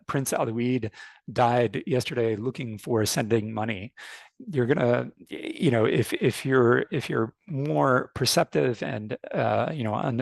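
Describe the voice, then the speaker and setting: On an online call, a fintech speaker in his forties gives a conversational webinar presentation riddled with restarts and fillers. Born in Canada and raised in the United States, he has a North American accent. His medium-pitched voice carries vocal fry, and there's no echo.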